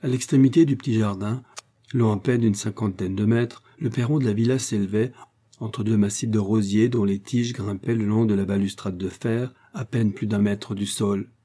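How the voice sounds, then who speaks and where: Male audiobook narrator, measured delivery, low-pitched, dark mellow tone. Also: slightly rough. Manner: steady, measured reading. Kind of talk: scripted narration.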